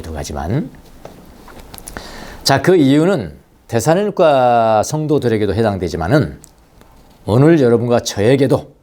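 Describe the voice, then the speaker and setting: Lively storytelling Korean pastor, a man. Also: mid-range voice. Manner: lively storytelling preacher, repeats key phrases, chuckles. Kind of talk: sermon. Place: church sanctuary.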